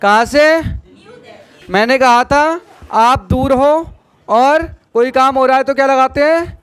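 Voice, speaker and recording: A male teacher giving a classroom grammar lesson, asking his students questions and saying example sentences slowly. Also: very high-pitched, a bit bright, clear, resonant tone.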